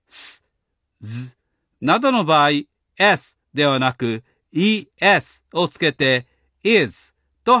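A man hosting a language lesson, explaining grammar in a clear, patient, instructional way. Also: on the high side, sharp tone, no echo. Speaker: language teacher host.

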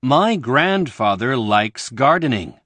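A man reading example sentences for a language lesson, slowly and deliberately. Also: medium pitch, big pitch swings, a bit bright, no room sound. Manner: slow, deliberate. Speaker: English model reader.

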